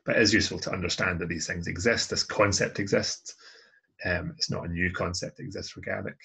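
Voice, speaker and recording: A deep-voiced man walks through grammar points like a language tutor. His voice is gravelly and husky, and he talks patiently, often pausing and restarting as he goes. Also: steady tone, bright, forceful tone. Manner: patient, methodical, with many "um" and restarts. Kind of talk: explaining grammar over slides.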